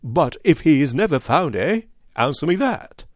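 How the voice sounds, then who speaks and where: A man voicing a querulous little old nobleman, miserly and indignant, with a sharp crackling voice and quick, intense, scolding manner. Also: on the high side, big pitch swings, no echo, clean studio sound.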